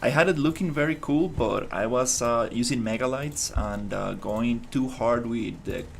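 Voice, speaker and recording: A man's voice: medium pitch, normal speed, vocal fry, a little hiss or hum. A man from Costa Rica streaming his game development work, thinking aloud in a casual way with many fillers and restarts. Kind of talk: casual live-stream commentary.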